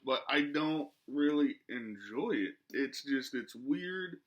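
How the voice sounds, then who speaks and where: A man's voice: mid-range voice, expressive, takes it slowly, fairly bright tone. A man in his twenties chatting casually through a product review, speech slightly muffled by a lip full of dip. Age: 20s. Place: small living room, indoors.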